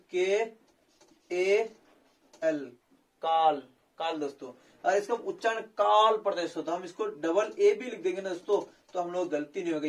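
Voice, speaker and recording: Man slowly teaching Hindi spelling. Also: fairly high pitch, darkish tone. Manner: addresses viewers as friends over and over, slow drawn-out spelling. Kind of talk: spelling lesson.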